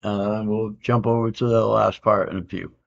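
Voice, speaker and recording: With a lowish, gravelly voice at a moderate pace, a collector in his fifties casually unboxes a comic auction win at home. His relaxed rambling is full of "uh," "man" and "I can dig it," and the audio from his comic-art-covered room is dull lo-fi home camera sound.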